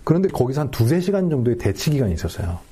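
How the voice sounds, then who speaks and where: A man, a history researcher, explaining informally as an expert guest with a husky voice. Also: medium pitch, big pitch swings, racing, dark tone.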